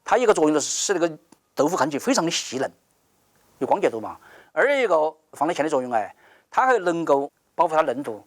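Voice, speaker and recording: A man's voice: fairly high pitch, big pitch swings, fast talker, no room sound. A man explaining cooking technique in an interview.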